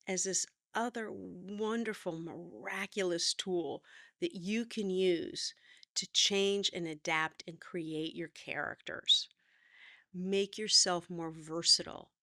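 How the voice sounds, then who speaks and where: A woman's voice: on the low side, slow, bright, forceful tone, dry recording, clean studio sound. A middle-aged woman teaching acting, chatty and encouraging as she talks to the camera. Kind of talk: talking-to-camera acting lesson.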